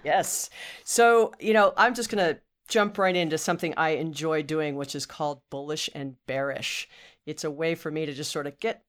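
A woman's voice: low voice, moderate pace. Upbeat woman in her fifties hosting. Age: 50s. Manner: upbeat, leans on "you know" and restarts. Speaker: podcast host. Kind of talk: conversational podcast interview.

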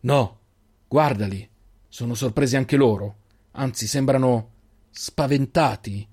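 Man voicing a steady old keeper. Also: mid-range voice, slow, slightly rough. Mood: calm commanding. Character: old male keeper, steady caring leader.

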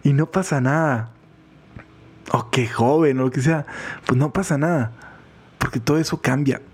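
Husky-voiced Mexican priest, chatty. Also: male voice, mid-range voice, moderate pace. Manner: chatty, laughs often, acts out quoted voices. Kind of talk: spoken reflection on the gospel. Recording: podcast voice recording.

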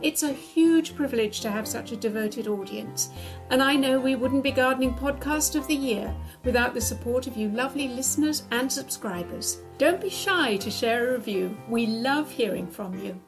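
A chatty, enthusiastic woman hosting a podcast, her voice sitting a little high. She talks warmly with her co-host while faint music plays underneath. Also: moderate pace. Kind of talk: casual chat.

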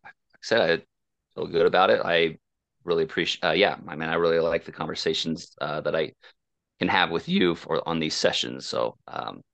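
Man, from Oklahoma, coaching guest, hesitant storytelling, very deep gravelly voice. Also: brisk, dry recording. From Oklahoma, USA. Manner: hesitant, many fillers and restarts, soft-spoken. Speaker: coaching client and podcast guest. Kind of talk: casual personal storytelling.

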